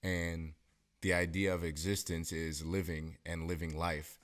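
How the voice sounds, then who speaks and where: A man's voice: deep voice, level tone, a little slow, a bit bright. A man co-hosting a casual podcast chat, musing in a laid-back way and swearing casually. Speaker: podcast co-host.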